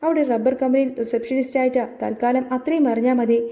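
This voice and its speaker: Woman reading a soft-spoken, guarded father; high mellow tone, calm. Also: fast. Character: older Kerala father, calm, guarded and reassuring.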